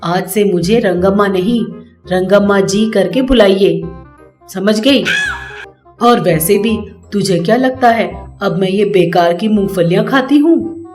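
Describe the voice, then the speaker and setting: A woman's voice: mid-range voice, measured pace, a little mellow, soft background music, lightly acted. A woman voicing a proud, newly rich older mother who talks down to others in a cartoon story. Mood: haughty. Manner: boastful and scolding, later remorseful.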